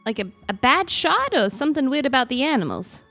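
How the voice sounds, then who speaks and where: A woman's voice: sits high, very animated, brisk, pushed and bright, faint music behind. A woman playing in character in a casual tabletop role-playing game.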